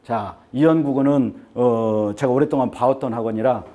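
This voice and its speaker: A man's voice: mid-range voice, normal speed, warm tone. A man giving a talk to parents as an admissions consultant. He keeps joking and asks the audience again and again to agree. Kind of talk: lecture to parents. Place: seminar room with an audience.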